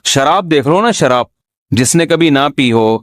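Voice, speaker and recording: A man's voice: on the high side, expressive, dry recording, clean studio sound. Humorous man giving a religious talk. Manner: humorous, asks audience rhetorical questions. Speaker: Islamic scholar giving a talk.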